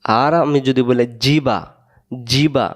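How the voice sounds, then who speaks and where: A man with a Bangladeshi Bengali accent, teaching Quran letters and their pronunciation in a slow lesson where he drills each sound and asks the class to repeat it. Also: medium pitch, steady tone, smooth.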